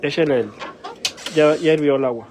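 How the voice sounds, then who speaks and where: A man hosts a casual livestream from a small house's kitchen and living room, chatting in short coaxing questions and instructions. He has a fairly high, darkish voice at a moderate pace, recorded on a noisy handheld phone in the kitchen.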